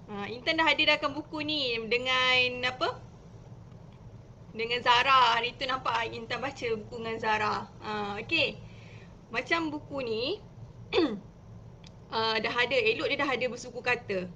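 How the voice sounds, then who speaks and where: A Malaysian woman teacher talks viewers through reading with children in a high, bright voice. She is chatty and explains each step with lively emphasis. It is an informal live stream, not a polished lecture. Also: unhurried, pauses often, highs cut off, slight background noise.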